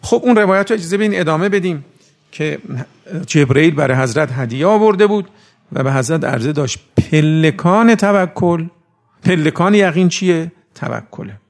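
A man delivers a sermon with a strongly gravelly, rough-edged voice that sits somewhat high. He talks to his listeners in a loose, conversational way and tells stories. He slows right down to recite Arabic sayings before explaining them plainly. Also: expressive. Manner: recites Arabic sayings slowly, then explains in colloquial speech. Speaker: cleric giving a religious talk.

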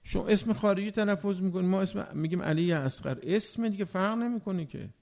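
A man preaching a religious sermon, animated and rhetorical, often asking his listeners whether they agree. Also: high voice, vocal fry. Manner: animated, acts out everyday speakers.

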